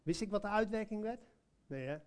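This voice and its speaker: A man's voice: high voice, animated, fairly quick, smooth. A man preaching a sermon, telling a personal story in a conversational way, with many hesitations and direct questions to listeners.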